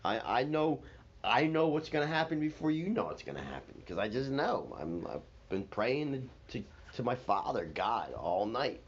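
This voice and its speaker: A man voicing Jesus as a calm, knowing man who talks in casual slang. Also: mid-range voice, moderate pace, lightly acted. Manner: relaxed, slangy, easygoing. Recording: slightly dull with faint noise.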